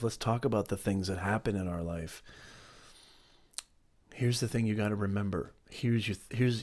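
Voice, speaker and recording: A middle-aged man hosting a motivational live stream, talking emphatically, repeating his points and greeting viewers by name. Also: lowish voice.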